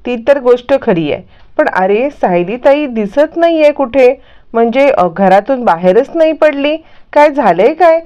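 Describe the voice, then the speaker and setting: A woman's voice: sits high, animated, measured pace, mellow, clear, resonant tone. A woman voicing an anxious young man who keeps asking after a missing friend, in a muffled lo-fi recording. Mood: concerned. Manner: anxious questioning. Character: young man, worried about a woman who has not come out.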